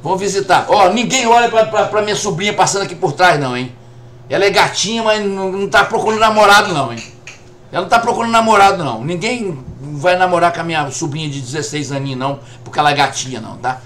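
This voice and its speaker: A Brazilian man in his fifties jokes around with viewers during a live game stream, saying "rapaz" again and again. He speaks Brazilian Portuguese quickly and expressively, in a high-sitting, fairly bright voice.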